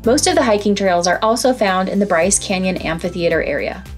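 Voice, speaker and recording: A woman's voice: mid-range voice, brisk, soft background music. Woman narrating a travel voice-over. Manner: calm, informative travel-guide delivery. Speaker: travel vlogger narrating a road trip.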